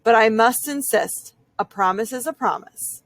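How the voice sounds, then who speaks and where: A woman's voice: a little high, moderate pace, no echo, lightly acted. A woman voicing a kindly, determined male moose in a storybook, courteous and sweetly insistent. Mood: earnest, cheerful.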